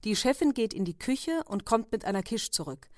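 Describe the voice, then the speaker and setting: A woman reading stories aloud in a calm, even narrating manner. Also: on the high side, brisk, dry recording, clean studio sound. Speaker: reader. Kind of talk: audiobook reading.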